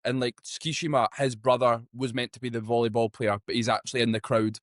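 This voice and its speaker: A man hosting a podcast, chatty and excitable, swearing casually. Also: mid-range voice, quick pace, no room sound, clean studio sound. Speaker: podcast host.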